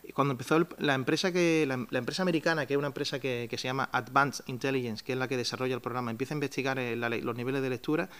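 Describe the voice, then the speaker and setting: A man's voice: mid-range voice, steady tone, racing, a bit bright, clean tone. Spanish man presenting at a press conference. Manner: explains step by step with many restarts and fillers; asks himself rhetorical questions and answers them. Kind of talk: explanatory press-conference talk. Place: town hall press room.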